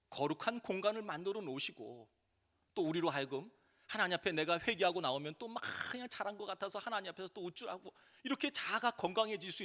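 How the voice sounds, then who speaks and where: A middle-aged man, a pastor, preaching a sermon in an animated way and acting out the voices he quotes. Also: high voice. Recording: reverberant church sanctuary.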